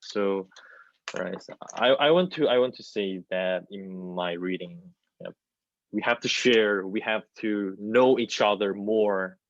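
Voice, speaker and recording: On a video call, a South Korean man in his twenties who studies theater gives a hesitant answer to an online panel, halting and repeating phrases in Korean-accented, non-native English. His voice is lowish; wireless earbuds in a small plain indoor room produce muffled audio without room sound.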